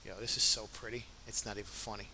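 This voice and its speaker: A man's voice: on the low side, flat delivery, fast. A man giving casual flight simulator commentary, talking himself through procedures in pilot jargon. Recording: loud engine drone behind voice. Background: simulated aircraft engine noise.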